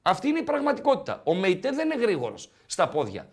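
A man co-hosting a sports live stream, reading viewer messages aloud in an animated, joking, emphatic way while a bit under the weather. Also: high-pitched, breathy edge. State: slightly sick.

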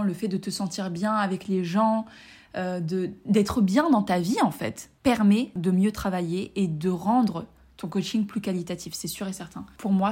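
A woman's voice: mid-range voice, mellow. A woman from France hosting a casual personal podcast, chatting enthusiastically and speaking straight to her listeners. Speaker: podcast host and coach.

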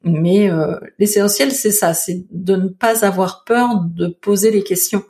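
A woman's voice: mid-range voice, steady tone, measured pace, mellow. A woman from France with a French accent, chatting as co-host, thoughtful and full of hesitations. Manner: thoughtful, hesitant with many fillers. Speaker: podcast co-host. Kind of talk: casual conversation.

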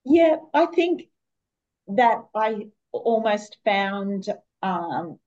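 A woman's voice: medium pitch, extremely slow, highs cut off. Australian woman in her fifties, chatting. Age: 50s. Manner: relaxed storytelling with fillers. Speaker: podcast guest. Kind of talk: casual interview chat.

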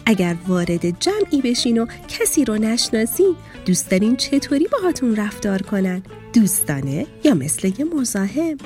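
Woman voicing a calm gentle fish teacher in a kids story, patient lecturing tone, fairly lively voice. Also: on the high side, faint music behind. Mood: teaching. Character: kind, patient female fish schoolteacher. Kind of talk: children's storybook acting.

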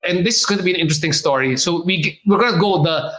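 Bright-voiced Filipino podcast host. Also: male voice, high voice, fast. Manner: rambling, friendly, mixes in Filipino words. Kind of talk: casual interview chat.

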